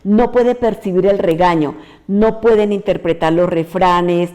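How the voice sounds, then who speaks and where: Low warm-voiced woman explaining patiently. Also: a little slow. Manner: patient explanatory, gives many examples. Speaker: educator. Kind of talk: explanatory video lesson.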